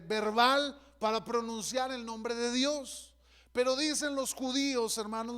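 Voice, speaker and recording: A man's voice: extremely high pitch, fairly bright tone, clean tone. A male pastor preaching a sermon with fervor, often calling out to his listeners as brother. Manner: fervent preaching, often calls out "hermano".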